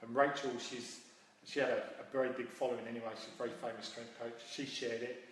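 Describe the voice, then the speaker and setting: He's an MMA coach and founder in his 40s, answering interview questions informally about his own story in a fast, mid-range voice with fairly even intonation. Faint noise and a distant mic in a very echoey hall color the sound.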